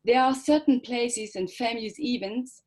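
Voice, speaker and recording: A woman artist whose first language is not English, speaking haltingly with many fillers on a video call, partly reading from a prepared text. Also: a little high, a little mellow. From Switzerland. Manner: hesitant, many fillers and restarts. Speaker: artist presenting her project. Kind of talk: halting symposium talk, partly read aloud.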